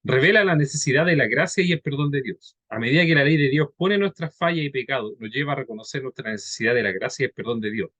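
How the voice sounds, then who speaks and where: A man's voice: medium pitch, a bit bright, no echo, muffled recording. Man preaching in a dry, close sound. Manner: conversational teaching, frequent "¿ya?" and "¿verdad?" tags; reads scripture slowly and deliberately. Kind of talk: sermon.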